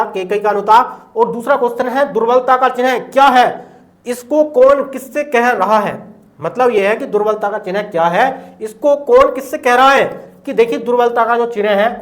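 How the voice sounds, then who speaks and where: A man's voice: very high voice, normal speed. A man teaching a school exam lesson, explaining poem lines one by one and repeating the same check-in phrase again and again. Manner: repeats "ठीक है" constantly, explains line by line.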